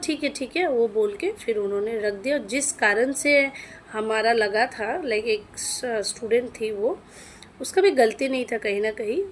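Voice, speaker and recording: A woman's voice: a little high, slight background noise. A woman in her thirties, an English teacher, telling a personal story in a chatty way and slipping English words into her speech. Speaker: English teacher running her own coaching classes.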